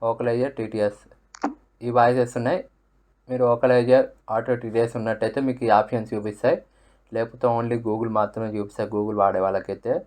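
A man's voice: medium pitch, little pitch movement, a little fast, a little mellow. A man with a Telugu accent explaining step by step how to use a phone app, repeating menu words aloud. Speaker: tutorial presenter. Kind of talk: screen-reader app tutorial.

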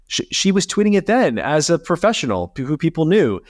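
A man co-hosting a podcast, talking in a casual, sarcastic and animated way. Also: a little fast, no echo, studio quality. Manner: animated, sarcastic, rising pitch on emphasis. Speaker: podcast co-host. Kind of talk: casual panel chat.

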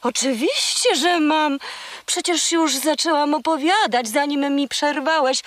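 A woman with a high-sitting voice voices a female seagull in a children's audio play, speaking a little slowly with no echo. The gull is boastful, chatty, hungry, haughty, and dramatic, and the mood is boastful storytelling.

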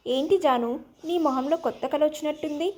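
An affectionate young friend in an audio storybook, cheering her friend on in a kind way. A woman reads her with a high, bright voice. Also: brisk, a little hiss or hum, natural voice. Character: young adult woman, warm encouraging friend.

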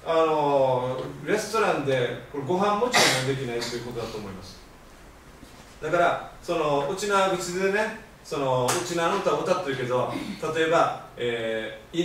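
A man giving an animated, joking lecture on language and pronunciation. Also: on the high side. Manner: animated, jokey, uses Okinawan-flavored sentence endings. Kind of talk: lively public lecture. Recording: echoey hall from far off, faint noise.

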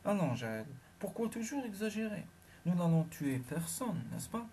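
A man reading the part of a sardonic sea-dwelling telepath in an audiobook, chiding and ironic, with a mellow, dark tone. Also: medium pitch, big pitch swings, normal speed, slight background noise, pitched above the performer's own voice.

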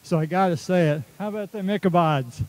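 A man's voice: high-pitched, a little fast, low-quality recording. A man from Texas giving a rambling, chuckling speech at an outdoor stadium ceremony. He tells stories about himself through a stadium microphone. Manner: rambling, chuckling, self-deprecating storyteller. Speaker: athletics director.

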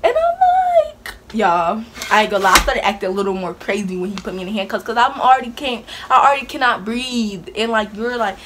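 A young woman telling a story on her vlog in a casual, animated way, dramatic and quick to laugh. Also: mid-range voice. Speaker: vlogger. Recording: steady background hiss.

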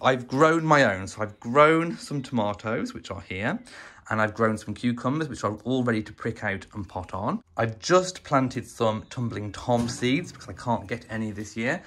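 A man's voice: medium pitch, a bit bright, dry recording. A young man from England walking through his garden with a handheld phone, chatting enthusiastically, with ums and restarts as he thinks aloud. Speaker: vlogger touring his garden. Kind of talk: casual walking garden tour. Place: outdoors in a home garden and greenhouse. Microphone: phone camera held in hand while walking.

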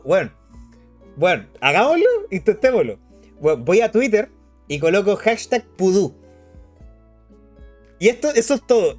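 A young man with a Chilean accent, chatting casually on a live stream and reading chat aloud. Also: sits high. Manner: animated, slangy, reads chat aloud.

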